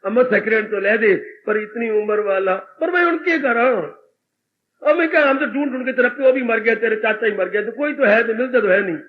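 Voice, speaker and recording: A man voicing an exasperated middle-aged mother who scolds her widowed daughter in quick, pleading retorts. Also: very high voice, narrow, tinny audio, a little hiss or hum.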